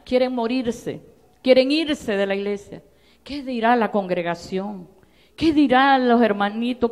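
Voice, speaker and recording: A woman pastor preaching a sermon with personal testimony, moving between soft asides and loud exhortations. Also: on the high side, big-room sound. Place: church sanctuary.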